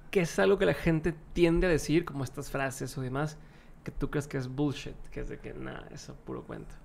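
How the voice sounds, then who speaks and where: A young man hosting a podcast, his voice a little gravelly at mid pitch. He asks relaxed, curious questions close on a desk mic in a small studio. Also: moderate pace. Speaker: podcast host. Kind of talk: interview questions. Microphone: large desk mic, headphones.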